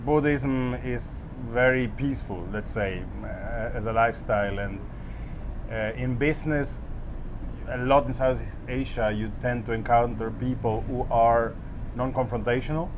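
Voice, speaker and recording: A middle-aged man from Latin America speaks at an ordinary mid pitch in a relaxed interview. He muses with plenty of fillers and small restarts. Faint city and traffic noise sits behind him. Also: a little slow. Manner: relaxed, thoughtful, with frequent fillers. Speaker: interviewed alumnus, businessman. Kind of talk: casual interview answers. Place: apartment over city rooftops.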